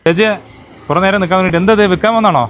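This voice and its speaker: A man from Kerala, a handloom shop owner, talking casually in a loud, coaxing way and repeating his reassurances. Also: high-pitched, very fast, slight background noise. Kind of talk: casual chat.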